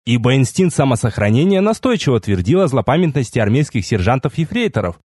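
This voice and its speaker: A man reading a first-person fantasy novel aloud with wry, lively storytelling. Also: medium pitch, breathy edge, dry recording, clean studio sound. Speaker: audiobook narrator.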